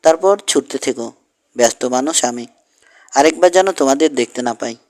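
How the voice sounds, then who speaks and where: A calm outlaw boss in a storybook western, cool and mocking, as a male reader gives him voice, his threats delivered without raising his tone. The voice sits at an ordinary middle pitch. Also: normal speed, natural voice. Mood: dismissive.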